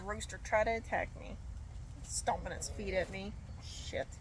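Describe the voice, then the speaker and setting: A woman's voice: medium pitch, measured pace. A congested woman, under the weather, chatting casually and getting sidetracked as she shows her chickens outdoors. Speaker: homesteading vlogger. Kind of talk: casual chat to camera. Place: backyard by chicken coops, outdoors. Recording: outdoor noise with clucking chickens and roosters. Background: chickens and roosters.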